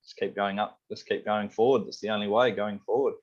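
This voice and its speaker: A Sydney head chef with an Australian accent chats casually in an interview, his lowish voice moving fairly quickly. He's relaxed and rambling, full of "you know" and "um." The lo-fi audio sounds slightly dull.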